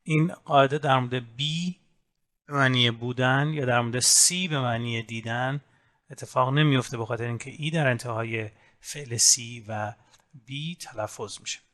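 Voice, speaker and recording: A man teaching an English grammar lesson, explaining rules step by step and saying English example words slowly. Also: medium pitch, fairly bright tone. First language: Persian. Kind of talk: recorded grammar lesson in Persian.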